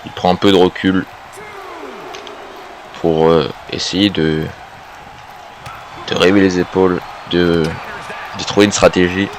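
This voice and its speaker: A man's voice: sits low, little pitch movement, measured pace, pauses often, a little hiss or hum, poor audio. A man working as a wrestling co-commentator, naming the moves in short interjections. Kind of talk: wrestling commentary of a video game match.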